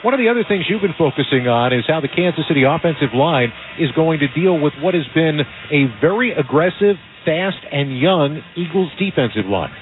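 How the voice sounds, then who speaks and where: A man's voice: a little high, animated, fairly quick, hardly any pauses. Upbeat male radio sports announcer. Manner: polished, upbeat, scripted. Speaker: play-by-play announcer. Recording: phone-like band-limited radio audio.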